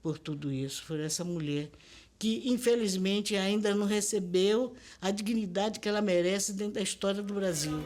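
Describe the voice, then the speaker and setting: A woman's voice: mid-range voice, moderate pace, a little mellow, a little hiss or hum. An older woman with a Bahian accent, speaking as a linguist in a documentary interview, lecturing emphatically and asking rhetorical questions.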